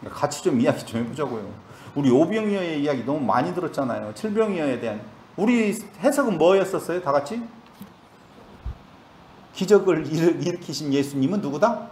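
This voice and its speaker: A man's voice: on the high side, big pitch swings, fairly quick, a little mellow, roomy sound, a little hiss or hum. A male pastor leading a Bible study sermon, asking the congregation questions as he explains the passage. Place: church.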